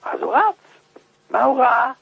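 A man preaching by telling a story with emotion, rising now and then to loud, high cries. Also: animated, gravelly, breathy edge, no room sound, dull audio. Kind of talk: storytelling sermon.

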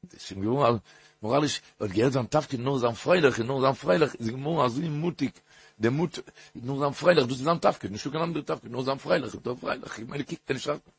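A man giving a Torah talk with stories, halting and repeating phrases, rising into an emphatic sing-song. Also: medium pitch, vocal fry, husky.

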